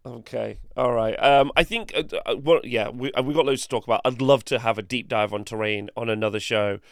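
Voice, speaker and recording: A co-host on a casual tabletop gaming podcast reads rules aloud, talking hesitantly with many fillers and laughing easily. His medium-pitched voice is gravelly and a little fast, recorded at studio quality with no room sound.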